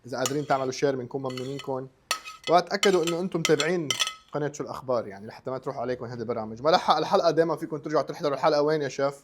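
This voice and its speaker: A Lebanese man hosts a live cooking stream at a very rapid clip. He is chatty and casual, greets viewers, repeats himself and mixes in English words. There is faint noise with some clicking behind him. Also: medium pitch. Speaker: host of a live online cooking show.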